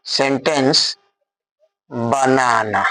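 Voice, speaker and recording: Slow, dry-voiced teacher. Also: male voice, mid-range voice, bright, forceful tone, no room sound, faint music behind, rough recording. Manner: spells words out letter by letter, speaks slowly for dictation. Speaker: English teacher. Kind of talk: slow blackboard grammar lesson.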